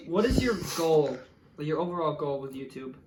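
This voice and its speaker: A man acting as interviewer, reading out prepared questions in a casual way. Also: a little high. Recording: echoey room with background noise.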